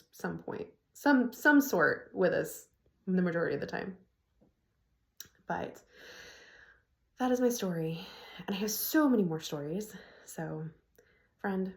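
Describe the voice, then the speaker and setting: A woman's voice: on the low side, lively intonation, measured pace, vocal fry, pauses often. Woman, middle-aged, casual storytelling, chatty, laughs a lot, phone mic, echoey room. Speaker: vlogger. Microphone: phone propped on an ironing board.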